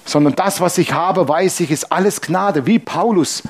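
Man, pastor, sermon, fervent, joking, direct address, somewhat high voice. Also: moderate pace, husky. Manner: fervent, joking, speaks straight to listeners.

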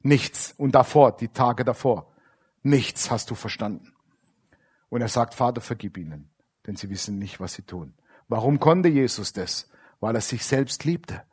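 A man preaching a lively, colloquial sermon, switching between loud emphasis and quiet asides. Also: mid-range voice, slightly rough.

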